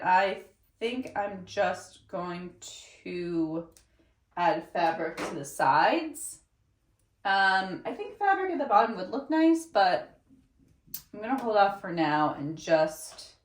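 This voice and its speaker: A woman's voice: lowish voice, lively intonation, takes it slowly, roomy sound. A woman sewing at home, thinking aloud in a casual, unsure way and trailing off. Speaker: sewing vlogger. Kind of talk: casual muttering while sewing.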